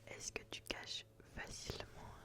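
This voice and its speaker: In an ASMR personality-test roleplay, the host asks intimate questions in a soft, unvoiced whisper right up against the mic. Her pace is slow and calming, and she often circles back to the same words and phrases.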